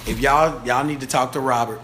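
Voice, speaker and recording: A man in his twenties chatting casually on a podcast, telling stories in a loud, animated, slangy and profane way. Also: mid-range voice, a little fast. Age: 20s. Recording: echoey room with faint ambient noise.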